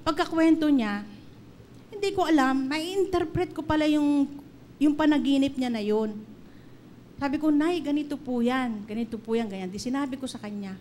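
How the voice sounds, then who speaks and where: Woman preacher, middle-aged, earnest sermon, storytelling, fairly high voice, faint noise behind. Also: normal speed, a little mellow. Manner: earnest, storytelling, mixing in English phrases. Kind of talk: sermon with personal testimony.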